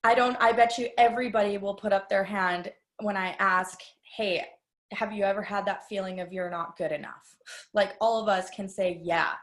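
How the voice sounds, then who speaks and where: A woman's voice: medium pitch, fairly even intonation, normal speed. A woman giving a live training talk to an audience, chatty and confiding, addressing the listeners directly and telling personal stories. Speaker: business trainer. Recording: echoey room.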